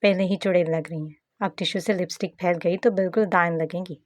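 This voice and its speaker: A woman's voice: fairly low pitch, fairly even intonation, brisk, dry recording, clean studio sound, lightly acted. A woman voicing a playful, devoted young husband in a read-aloud novel. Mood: teasing. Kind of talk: scripted novel narration with acted dialogue.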